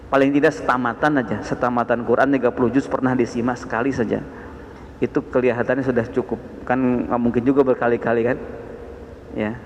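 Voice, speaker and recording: A man with a Sundanese accent teaching a dawn study session on the Quran, with animated rising emphasis on key words. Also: medium pitch, highs cut off, a little hiss or hum. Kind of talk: mosque study sermon. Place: mosque. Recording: echoey mosque hall.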